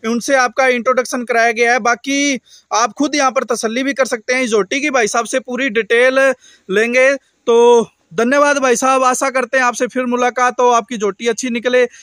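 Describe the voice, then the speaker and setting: Middle-aged male host, very high bright voice, dry close mic, outdoor farm interview, leading questions. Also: fairly even intonation, normal speed, no room sound. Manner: repetitive, leading questions with polite "ji". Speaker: dairy channel host interviewing a buyer. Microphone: small handheld mic.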